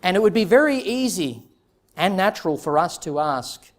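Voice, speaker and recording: A man's voice: high-pitched, big pitch swings, normal speed. A man preaching an expository sermon as a pastor, earnest and emphatic, putting direct questions to his listeners.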